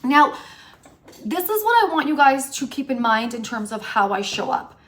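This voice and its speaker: A woman in her late thirties, a relationship coach, talking to her viewers in an animated, chatty way and often asking "right?". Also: high voice, normal speed. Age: 30s. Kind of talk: casual chat to camera.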